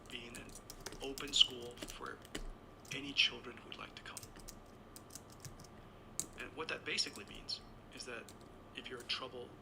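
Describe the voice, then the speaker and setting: In an unhurried, gravelly voice of medium pitch and steady tone, this Taiwan-born man in his sixties shares a long personal story during an interview, set against a noisy background. His telling is anecdotal and rambling, full of self-corrections.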